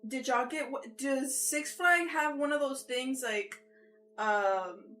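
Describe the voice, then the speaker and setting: A woman's voice: high-pitched, slow, fairly bright tone, soft background music. A woman co-hosting a casual podcast chat, teasing, swearing freely and exclaiming often. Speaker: podcast co-host.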